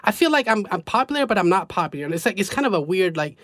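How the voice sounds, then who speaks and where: A man's voice: sits high, big pitch swings, rapid-fire, a bit bright, dry recording. A man hosting a podcast in a casual, slangy chat, often saying "you know". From United States. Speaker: podcast host.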